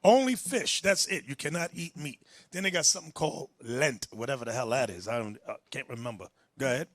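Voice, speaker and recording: A man's voice: medium pitch, expressive, brisk, no echo. A man preaching and teaching from the Bible, emphatic and direct, telling a reader when to go on.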